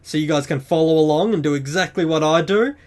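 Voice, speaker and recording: A man's voice: a little high, fast. A young man hosting a casual game tutorial as a voice-over, chatty and upbeat with self-mocking asides.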